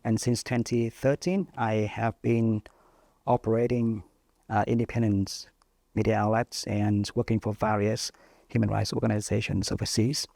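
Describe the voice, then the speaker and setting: This is a man in his thirties from northern Vietnam, speaking English as a second language. His voice sits low with a gravelly edge. He answers in a measured, thoughtful way, often pausing with fillers, recorded close and dry. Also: little pitch movement, darkish tone, no echo. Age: 30s. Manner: thoughtful, pauses with frequent fillers. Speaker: journalist guest. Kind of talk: interview answers.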